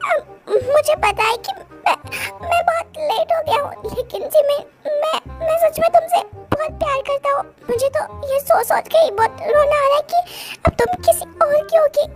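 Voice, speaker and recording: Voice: very high voice, moderate pace, a bit bright. A performer doing a sobbing, lovesick young man. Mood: tearful pleading. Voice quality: sobbing, broken stammering speech. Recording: music playing behind.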